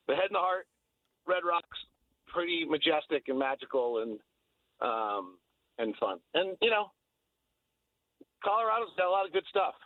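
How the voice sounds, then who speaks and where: Over a thin, phone-like line with no echo, a fairly high-voiced American man, a sports broadcaster appearing as a radio guest, talks casually in a gushing, wandering way.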